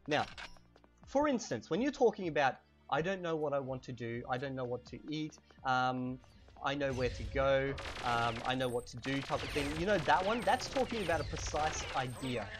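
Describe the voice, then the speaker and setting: Over music, an Australian language teacher and gamer in his thirties chats through a lesson while playing, speaking at a medium pitch from his home room on webcam. He uses a cheap desk microphone, stays animated and chatty, and slows right down to spell out key words.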